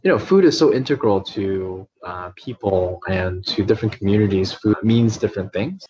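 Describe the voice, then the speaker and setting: A New York nonprofit CEO speaks in a lowish, warm voice at a normal pace during a video call interview from his apartment. He hesitates, using many fillers and restarts, and the audio sounds dull.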